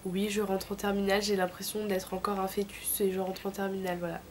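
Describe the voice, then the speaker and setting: A woman's voice: mid-range voice, level tone, brisk, darkish tone, slight background noise. A woman in her late teens from France with a thick, sore-throat voice from tonsillitis, giving informal, slangy advice in a casual vlog. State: sick with a throat infection. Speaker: vlogger.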